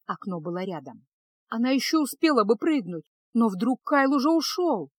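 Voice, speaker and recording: A woman narrating a fantasy audiobook in an even storytelling delivery. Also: fairly high pitch, moderate pace, husky, no echo, studio quality.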